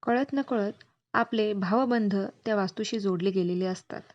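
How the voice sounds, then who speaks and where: A woman reading a school lesson story aloud, animated, acting out the voices of children and elders. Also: mid-range voice, normal speed. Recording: dull lo-fi recording.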